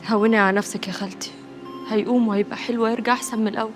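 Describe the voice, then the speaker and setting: An actress playing a gentle comforting young woman. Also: a little high, fairly even intonation, rapid-fire, faint music behind, lightly acted. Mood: soothing. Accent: Egyptian Arabic. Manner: soothing, pleading. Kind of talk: Egyptian TV drama acting.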